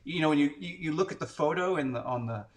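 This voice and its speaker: A man's voice: fairly high pitch, fast talker. Canadian guy in his 40s, casual chat, lots of likes and ums, rambly. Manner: rambling, filler-heavy storytelling.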